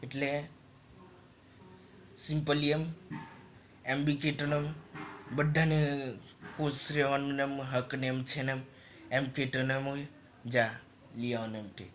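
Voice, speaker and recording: A man's voice: mid-range voice, little pitch movement, slow, pauses often, fairly bright tone, slight background noise. A man casually narrating a story over a game, in loose, rambling and repetitive phrases. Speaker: gaming channel narrator.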